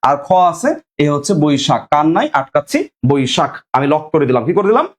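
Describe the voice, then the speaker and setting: A man's voice: fairly high pitch, sing-song, a little fast. A young man teaching an online exam-prep lesson, drilling students with repeated questions and asking viewers to comment.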